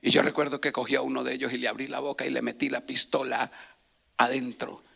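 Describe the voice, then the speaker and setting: A middle-aged man preaching a sermon as pastor, moving from hushed whispers to impassioned shouting. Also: medium pitch, little pitch movement, fast, vocal fry, husky. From Colombia.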